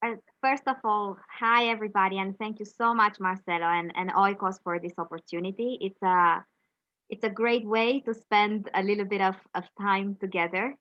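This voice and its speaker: A middle-aged woman from Romania, talking thoughtfully as an interview guest and often pausing on fillers. The recording is dry and somewhat dull, with little room sound. Her pitch sits in a middle range. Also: steady tone, no room sound. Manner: reflective, pauses with frequent fillers. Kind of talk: conversational interview.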